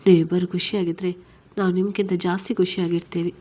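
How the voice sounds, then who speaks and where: A woman reading a story, voicing a caring middle-aged mother-in-law who gently reassures her daughter-in-law. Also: lowish voice, level tone, a little fast, natural voice. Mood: reassuring.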